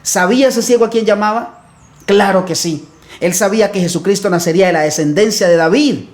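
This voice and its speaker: High-voiced fervent man preaching. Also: fairly quick. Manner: fervent, preaching straight to the viewer. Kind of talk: motivational sermon.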